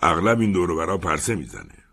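Brief: man reading as a gruff old commander, husky, low, slow mocking taunts, storybook. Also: sing-song, fairly bright tone, exaggerated voice. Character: teasing gruff older male commander.

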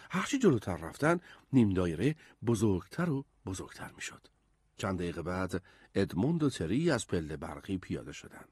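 A man narrating a children's adventure story aloud in an expressive, animated way. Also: low-pitched, slightly rough, dry recording, clean studio sound.

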